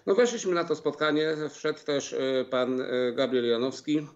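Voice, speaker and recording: A middle-aged man, a farmers' union representative, recounting a meeting over a video call in a halting way, full of filler sounds and restarts. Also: medium pitch. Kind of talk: remote interview, recounting events. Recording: slightly dull video-call audio.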